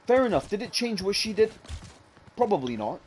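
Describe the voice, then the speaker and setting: A man's voice: high voice, very animated, fairly quick, a little hiss or hum. A young man casually telling a long story about an online game, rambling with lots of fillers and calling the listener "bro". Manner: rambling, fillers like "what's it called", says "bro".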